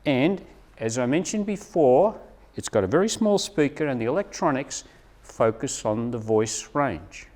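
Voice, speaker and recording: A man's voice: medium pitch, a little mellow. A man giving a live training talk to teachers, often checking in with "right?". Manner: chatty, keeps checking in with "right?". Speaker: presenter at a teacher training session. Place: meeting room with a live audience. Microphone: lapel mic, later a room camera mic from afar. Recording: distant room mic at times.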